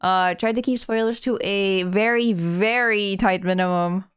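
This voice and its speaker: A woman's voice: mid-range voice, fairly even intonation, measured pace, clear, resonant tone. A bubbly woman streamer chatting casually and self-mockingly through a live game playthrough.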